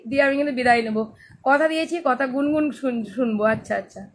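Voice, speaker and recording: A hoarse woman hosting a live stream, talking casually to her followers in a loud, earnest, pleading way. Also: high-pitched, fast talker, slight background noise. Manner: loud, speaks as if shouting. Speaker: host of a social-issues live stream.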